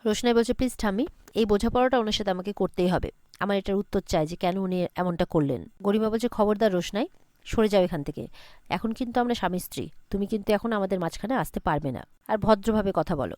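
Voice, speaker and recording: Fast, dry-voiced woman retelling a serial. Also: medium pitch, darkish tone, no echo. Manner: brisk storytelling that runs narration and quoted dialogue together in one voice. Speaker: serial recap narrator. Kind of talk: fast retelling of a TV serial episode, reading out every character's lines.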